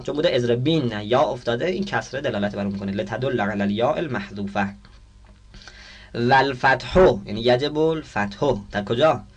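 Man teaching, asks and answers his own questions. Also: fairly low pitch. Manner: asks the class questions and answers them himself; reads Arabic text, then explains it. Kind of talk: lecture on Arabic grammar.

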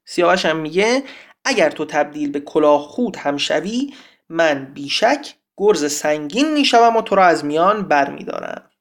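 A teacher giving a lesson from a textbook, reciting verse slowly and chanting its meter syllable by syllable, then explaining words patiently. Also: mid-range voice, lively intonation.

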